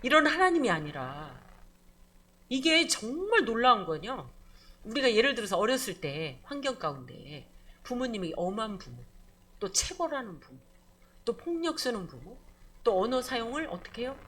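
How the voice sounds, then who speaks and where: A woman pastor preaching a midweek church sermon, lively and conversational, calling out for amens and acting out voices. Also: a little high, moderate pace. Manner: animated preaching, calls for amen, acts out scolding voices.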